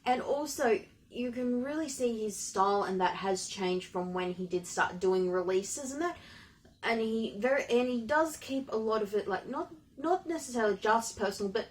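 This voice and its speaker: A woman giving a casual fan reaction, gushing excitably like a fangirl and rambling haltingly as she thinks aloud. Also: fairly high pitch, poor audio. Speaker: reaction video host. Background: music playing.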